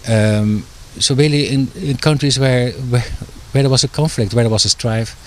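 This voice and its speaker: A middle-aged Dutch man, an author and doctor, speaks as an interview guest in a medium-pitched voice at a normal pace. He sounds hesitant, with lots of fillers and restarts. There's slight background noise.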